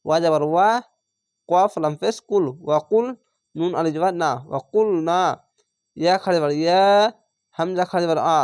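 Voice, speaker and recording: A man's voice: on the high side, moderate pace, long pauses, a little mellow, clean tone, no echo, clean studio sound. A man teaching Quran recitation, spelling words out syllable by syllable with a Bangladeshi Bengali accent and drawing out the chanted words.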